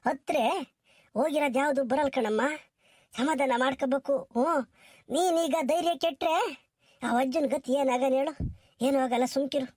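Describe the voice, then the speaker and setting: A woman playing a village woman who calmly comforts a crying friend in a hospital. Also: high-pitched, normal speed, pauses often, no echo, clean studio sound, natural voice. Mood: soothing. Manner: soothing, reassuring.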